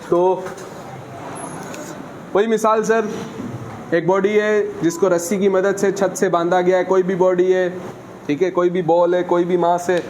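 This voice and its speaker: A man's voice: high-pitched, level tone, a little slow, pauses often, darkish tone, slight background noise. A man teaching a physics lesson, who keeps asking his students questions and answering them himself. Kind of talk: classroom lecture.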